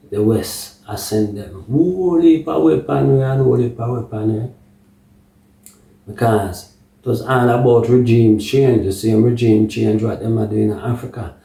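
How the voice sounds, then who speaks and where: Speaking slowly and haltingly, a Jamaican man gives unscripted political commentary in a lowish, mellow voice, using patois phrasing and rhetorical check-ins. The recording is echoey and the mic distant, so he sounds far from it.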